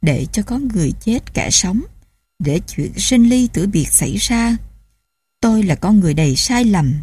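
A woman's voice: mid-range voice, animated, moderate pace, a little mellow, breathy edge. A woman voicing a guilt-stricken older man, a family patriarch, in a storybook reading, with an anguished, confessing manner.

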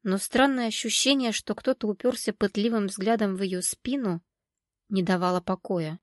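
A woman narrating an audiobook in an even, measured storytelling manner. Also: medium pitch, dry recording, clean studio sound. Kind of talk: scripted narration.

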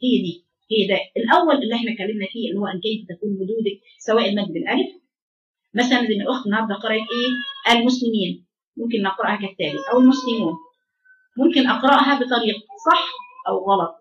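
A woman with an Egyptian Arabic accent teaching Quran recitation to a class of girls. She explains, quizzes the students, and chants drawn-out examples. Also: on the high side, fairly bright tone, lo-fi sound.

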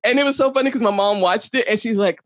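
A woman guest in casual chat, an animated storyteller who acts out quotes, swears freely and laughs often. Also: on the high side, fast talker, no echo.

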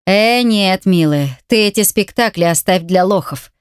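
A woman's voice: mid-range voice, a little slow, clear, resonant tone, no echo, studio quality, natural voice. A woman reading an audiobook voices a furious, brutal man who snarls threats and insults. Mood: menacing. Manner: snarling, menacing, shouting insults.

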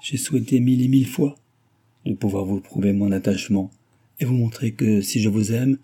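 A man's voice: on the low side, fairly quick, dark tone, husky. A man voicing an earnest, adoring young woman of modest rank who speaks effusively, in a novel reading. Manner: effusive, eager.

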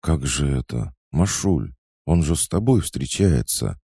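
A man voicing a timid, petite young woman with a squeaky, startled way of talking. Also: lively intonation, measured pace, mellow, slightly rough, no room sound, studio quality, exaggerated voice. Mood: flustered.

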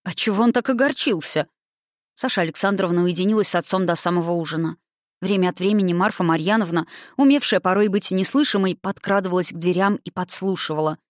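A reader narrating a historical romance audiobook in a measured, expressive way. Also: mid-range voice, no room sound, studio quality.

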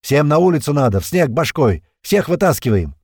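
A man voicing a gruff male fighter who yells orders and groans in pain. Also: on the high side, big pitch swings, fairly quick, dry recording, studio quality, pitched above the performer's own voice. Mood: commanding.

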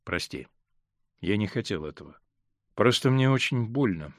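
A male reader voicing a hurt, stern middle-aged husband in an audiobook, speaking in a measured, grave way that holds back pain. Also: on the low side, animated, fairly bright tone, no room sound, clean studio sound. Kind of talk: audiobook character reading.

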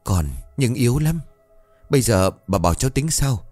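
A man's voice: medium pitch, lively intonation, moderate pace, darkish tone, no room sound, faint music behind, voice pushed up, close to an everyday voice. A man voicing a young village man who speaks in an urgent, breathless way. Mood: anxious.

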